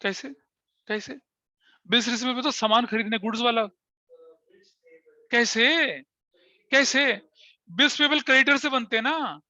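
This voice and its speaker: A man's voice: very high voice, unhurried, long pauses, sharp tone, no room sound, dull audio. A man teaching an accounting class, mixing Hindi with English, asking questions and repeating key terms to check that his students follow.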